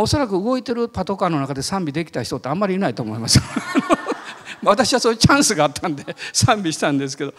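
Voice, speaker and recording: A male pastor giving a sermon, telling a personal story in an animated way and laughing often. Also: a little high, in a large hall.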